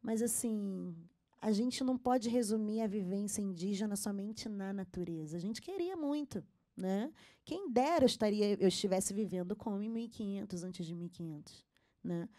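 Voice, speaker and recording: Earnest woman with a mellow voice. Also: mid-range voice, moderate pace. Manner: earnest, emphatic, frequent fillers. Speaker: panelist. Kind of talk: panel talk. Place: symposium stage.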